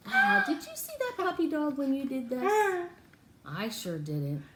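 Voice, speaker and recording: Here a high-voiced woman teaches young children by reading them a picture book in an interactive way. She exaggerates for expression and draws her words out, while the room echoes and faint noise lingers in the background.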